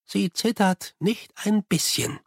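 A man voicing an eerily calm, precise young male clockmaker who speaks slowly and evenly. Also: high-pitched, vocal fry, no room sound, studio quality, voice pushed up, full character voice.

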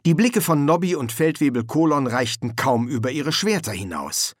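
A man narrating an audiobook with a lively storytelling delivery on a close microphone. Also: fairly high pitch, normal speed, dry recording. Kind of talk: scripted narration.

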